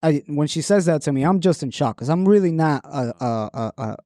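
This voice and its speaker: A young man telling a dating story in casual podcast chat, animated and quoting people along the way. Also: fairly high pitch, fairly quick, dry recording, clean studio sound. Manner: animated, quotes people in his story, many restarts.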